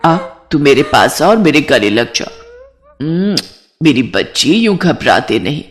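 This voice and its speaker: A woman's voice: sits low, sing-song, unhurried, voice pushed down. A woman voicing a kind middle-aged mother-in-law who talks in a soothing, motherly way.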